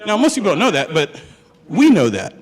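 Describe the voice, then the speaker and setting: Young man, from Hawaii, joking storyteller, slightly high voice, long hall echo. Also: wildly swooping pitch, a little fast. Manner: joking, chatty, asks the audience questions. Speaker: student speaker. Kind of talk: humorous personal storytelling talk.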